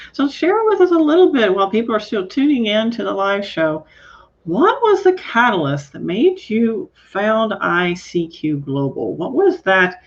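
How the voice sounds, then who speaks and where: A woman hosting a live career talk show, introducing her guest in an upbeat, inviting way. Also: lowish voice. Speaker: host. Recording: dull lo-fi audio.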